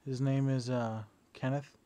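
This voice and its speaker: A man's voice: mid-range voice, measured pace, clean tone. A young man lying down and talking into a battery-powered camera for a casual video diary, hesitant and full of fillers and restarts. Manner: relaxed, lying down while talking. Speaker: video diarist. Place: indoors, at home lying down. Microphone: battery-powered camera device.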